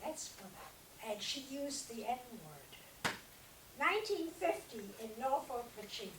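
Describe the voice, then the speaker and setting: A woman's voice: on the high side, very animated, a little slow. An elderly woman from Germany, whose first language is German, speaking earnestly and directly to a school class in a room, with no microphone. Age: older. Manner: earnest, direct, urges listeners. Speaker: Holocaust survivor speaking to students. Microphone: no mic, recorded from across the room. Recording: roomy, distant, faint hiss.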